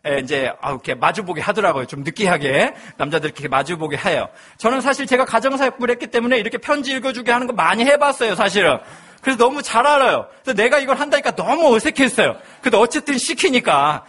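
A man's voice: extremely high pitch, bright, forceful tone. A male pastor in his thirties, preaching a sermon with humorous personal storytelling.

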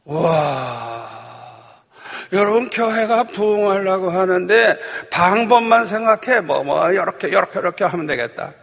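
Fervent gravelly preacher in a reverberant church. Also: male voice, high voice, lively intonation, measured pace. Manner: fervent, swinging between loud emphatic bursts and soft asides; prods the congregation with tag questions. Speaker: pastor. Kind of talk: passionate Korean sermon. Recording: long hall reverb of a church.

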